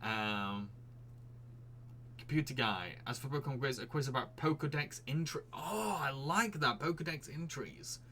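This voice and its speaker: A British man with a Yorkshire-meets-posh Received Pronunciation accent hosts a live stream quiz, answering his chat in a chatty, giggly way. His medium-pitched voice is expressive, pushed and bright, and a little slow. There is slight background noise.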